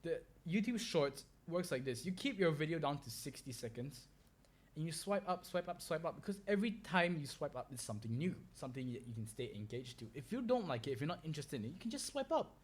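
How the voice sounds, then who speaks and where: Rambling young man, slightly high voice. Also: sing-song, quick pace, husky. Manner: rambling, with fillers and restarts. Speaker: podcast host. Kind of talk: solo podcast monologue.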